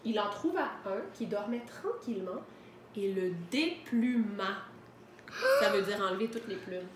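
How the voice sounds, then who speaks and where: A woman teacher reading a picture book aloud to children from home, gently explaining words as she goes. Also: medium pitch, animated, a little slow, reverberant, slight background noise.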